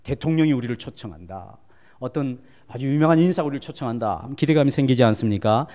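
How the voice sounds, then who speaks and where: A man's voice: medium pitch, expressive, quick pace. Fervent preacher man in a reverberant church. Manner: passionate preaching, rising to loud exhortation then dropping to near whispers; asks the congregation questions. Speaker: pastor. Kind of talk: sermon. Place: church sanctuary. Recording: long church hall reverb.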